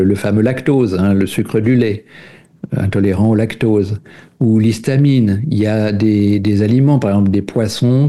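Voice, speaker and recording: A man's voice: on the low side, warm tone. A man speaking as a radio guest, explaining nutrition and food intolerances at length with frequent hesitations and cited studies. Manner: explanatory, many fillers, cites studies.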